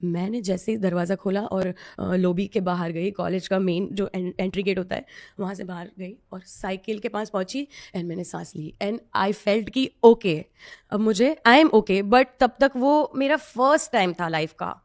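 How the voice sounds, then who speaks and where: A woman's voice: mid-range voice, unhurried. A woman telling a personal story as a podcast guest, earnest and confiding. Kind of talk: personal story told in an interview.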